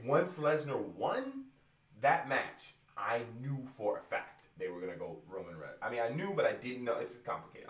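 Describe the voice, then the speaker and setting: A man's voice: lowish voice, a bit bright, recorded from a distance. Profane young man ranting in a roomy echo. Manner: profane, exasperated rant. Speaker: rapper venting about wrestling. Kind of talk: ranting casual vlog. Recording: roomy echo, away from the mic.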